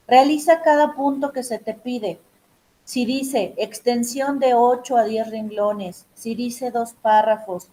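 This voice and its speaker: A woman's voice: mid-range voice, a little mellow, rough recording. A woman teacher giving emphatic, direct instructions to her students in an online class session.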